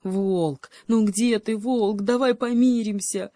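A woman voicing a boastful, greedy male cheetah who shouts and growls in desperation. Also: deep voice, a little slow, dry recording, clean studio sound. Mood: desperate shouting.

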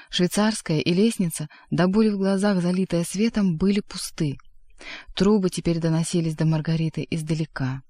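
A narrator giving a measured, expressive reading of a literary audiobook. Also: medium pitch, no echo, clean studio sound.

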